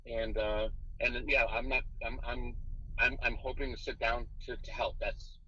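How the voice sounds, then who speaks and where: Male elder, sharp bright voice, earnest reassurance, picked up by a hidden recorder with dulled sound. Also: mid-range voice, little pitch movement, normal speed. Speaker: congregation elder. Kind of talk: earnest, reassuring private meeting talk. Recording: dull covert recording, faint background noise.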